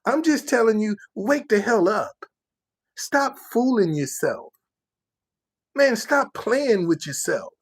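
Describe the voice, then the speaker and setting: Man from the US, livestream ranter; slow, drawn-out delivery, preachy and emphatic, loves repeating himself. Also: high-pitched, lively intonation, husky. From United States. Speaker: livestream commentator. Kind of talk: casual ranting monologue.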